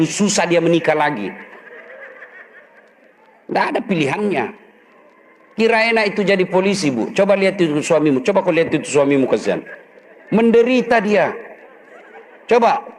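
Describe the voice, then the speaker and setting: A man's voice: high voice, slight background noise. A middle-aged man, preaching a humorous sermon, joking and acting out husband and wife voices.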